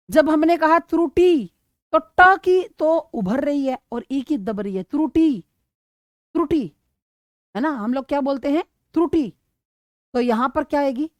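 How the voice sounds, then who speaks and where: A woman with a high voice teaches an exam-prep grammar lesson at an unhurried pace. She keeps asking questions and answering them herself, and she sounds out words slowly to show their stress. The recording is close and dry. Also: no echo.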